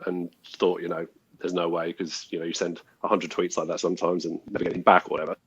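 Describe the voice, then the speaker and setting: A man, a film composer guest, telling his story in a relaxed way. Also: low voice, quick pace, slightly rough, no echo, lo-fi sound.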